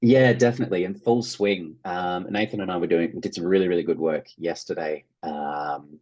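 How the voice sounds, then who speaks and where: An Australian actor and theatre producer, appearing as an interview guest, talks in a casual, enthusiastic, informal way and acts out imagined reactions. His voice is low-pitched and darkish, with fairly even intonation and a moderate pace, and the high frequencies are cut off.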